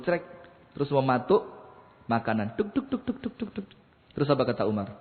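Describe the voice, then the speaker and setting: Male preacher, high pitched, storytelling sermon with chanted verses; tinny, reverberant hall recording. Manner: storytelling, acts out quotes, chants Quran verses. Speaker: Islamic preacher. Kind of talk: mosque sermon. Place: mosque hall. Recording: echoey hall over a tinny line.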